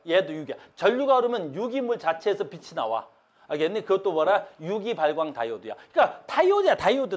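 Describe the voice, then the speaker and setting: A man teaching high school science in a classroom, talking casually with blunt slang and poking fun at himself in front of the students. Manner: blunt, slangy, self-mocking banter with students.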